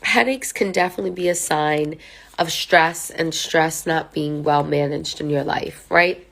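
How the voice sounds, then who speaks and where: Speaking from notes to a camera, a mental health counselor keeps things casual, checking in often with "right?" and "okay?" amid plenty of fillers. Her low voice is gravelly and fairly bright, steady and measured in pace, with a nasal quality from a sinus infection.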